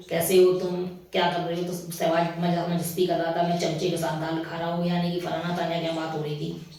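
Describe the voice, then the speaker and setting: A man's voice: sits high, darkish tone. A man hosting a reaction channel, recapping a reality show in casual chat, opinionated and scolding, often saying "anyway". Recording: very echoey room, voice far from mic.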